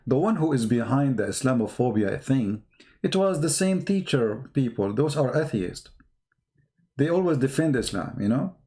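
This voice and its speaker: An online commentator who speaks English as a second language, not his first, delivers impromptu polemical commentary, emphatic and repetitive, full of rhetorical questions. His mid-range voice is sing-song and dark in tone, at a moderate pace.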